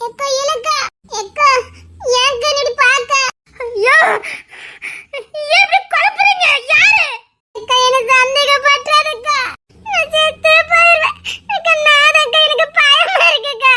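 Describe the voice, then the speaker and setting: A woman's voice: very high-pitched, unhurried, long pauses, bright, forceful tone, exaggerated voice. A woman voicing a frightened young woman in an audio drama, pleading to be believed in a shaky, tearful voice, laughing through sobs. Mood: panicked. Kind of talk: Tamil serial-style audio drama.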